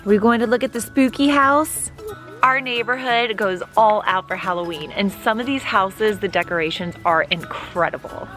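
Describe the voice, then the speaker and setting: A woman's voice: medium pitch, normal speed, fairly bright tone, soft background music. A young woman and mother talking candidly in a casual home vlog, sometimes praising her toddler in a sing-song voice. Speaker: mother and vlogger.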